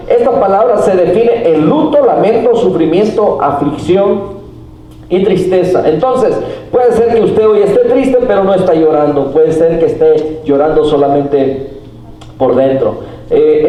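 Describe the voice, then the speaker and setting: A man in middle age delivers a sermon in an echoey church, his voice picked up from some way off the microphone. He speaks fairly high but with a dark, mellow tone, unhurried and peppered with fillers and questions to the listeners. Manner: unhurried teaching with frequent fillers and rhetorical questions. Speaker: pastor. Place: church hall. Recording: echoey hall, mic far off.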